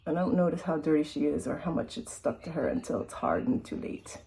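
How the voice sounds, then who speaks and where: Woman, casual home vlog, mellow tone, switches between baby talk to a pet bird and easy chat to camera. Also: sits low, animated, brisk, rough recording. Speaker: bird rescuer hand-feeding a baby dove. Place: home kitchen.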